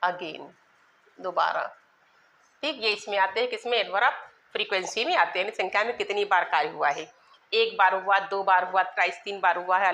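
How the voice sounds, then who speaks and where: In a rough recording, a woman with a mid-range, bright and forceful voice teaches a grammar lesson to exam students. She spells words out letter by letter and repeats phrases, asking her own questions and then answering them.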